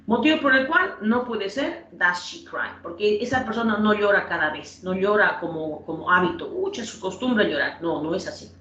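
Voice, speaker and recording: A woman's voice: mid-range voice, normal speed, hardly any pauses, fairly bright tone. A woman teaching an English class, patiently explaining grammar and calling on students by name. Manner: patient, repeats points and quizzes students by name. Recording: roomy, distant, dull lo-fi sound.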